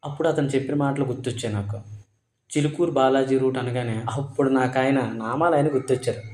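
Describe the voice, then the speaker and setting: A man's voice: medium pitch, darkish tone, roomy sound. A young man, telling his own story casually to viewers as a bike taxi rider, chatty and polite, often speaking to listeners directly.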